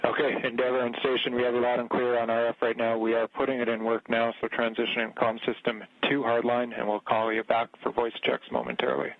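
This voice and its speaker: A man's voice: medium pitch, quick pace, few pauses, dry recording. Man on a tinny mission radio link. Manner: steady, procedural, matter-of-fact. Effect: tinny space-to-ground radio communicator link. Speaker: mission control capcom. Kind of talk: clipped radio procedure calls. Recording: narrow phone-like radio channel.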